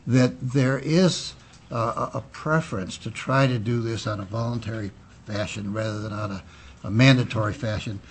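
A man giving formal legislative testimony in a measured, politician-like official manner, halting with frequent pauses. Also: medium pitch, slightly rough. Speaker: physician and state health official testifying. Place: indoor legislative committee room. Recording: noisy public hearing room audio.

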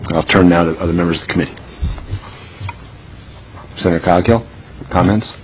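A man's voice: low voice, steady tone, moderate pace, a little hiss or hum, low-quality recording. A man chairing a legislative committee hearing, speaking plainly with frequent ums.

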